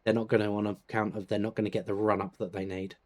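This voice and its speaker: A British man chatting casually while playing a driving game, laid-back, laughing often and clearing his throat. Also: on the low side, level tone, quick pace, a little mellow. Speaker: gaming channel host. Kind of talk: casual gameplay chat.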